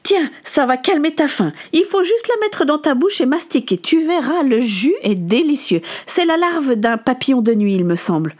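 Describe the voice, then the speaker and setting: A woman voicing a cheerful, teasing young woman in an audiobook story, with a high, bright voice. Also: expressive, moderate pace, hardly any pauses. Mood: friendly.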